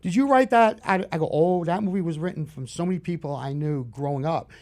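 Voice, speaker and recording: A man in his fifties with a Bronx New York accent, a horror film director chatting through stories in an interview, animated and full of restarts. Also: on the high side, a little fast. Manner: storytelling, animated, restarts often. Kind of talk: casual interview chat.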